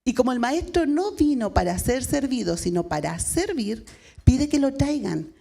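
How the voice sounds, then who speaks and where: A woman's voice: high-pitched, very animated, normal speed, vocal fry, mellow. A woman pastor with a Chilean Spanish accent preaching a sermon, retelling a story and asking the congregation questions.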